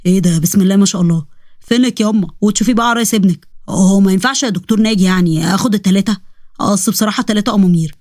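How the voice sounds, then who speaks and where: A woman's voice: mid-range voice, racing, a little mellow, dry recording, studio quality, close to an everyday voice. A woman with an Egyptian Arabic accent voicing a chatty, boastful young Egyptian man who jokes and rambles. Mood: excited. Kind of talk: storybook narration with character voices.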